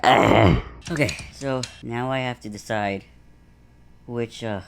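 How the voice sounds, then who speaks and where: A man's voice: mid-range voice, measured pace, a little hiss or hum. A tired, out-of-breath young man talking casually as a vlogger, chatty and self-mocking, often trailing off mid-sentence in a home laundry room. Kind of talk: casual vlog commentary. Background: background music.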